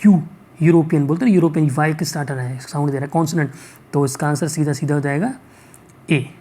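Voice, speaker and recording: A male teacher going through exam questions, reading the English sentences out slowly and checking in often to ask whether it is clear. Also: fairly high pitch, warm tone. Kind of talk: exam-prep lesson.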